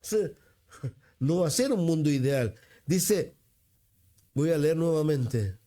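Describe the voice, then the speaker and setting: A man with a Chilean accent preaching a sermon as pastor, often repeating himself for emphasis, asking the congregation questions and rising in pitch when he quotes scripture. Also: animated, takes it slowly, dark tone. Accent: Chilean Spanish.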